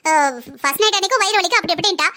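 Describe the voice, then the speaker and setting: A woman voicing a bossy, sharp-tongued older sister-in-law who taunts and scolds in a cartoon family story. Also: very high voice, racing. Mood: scolding.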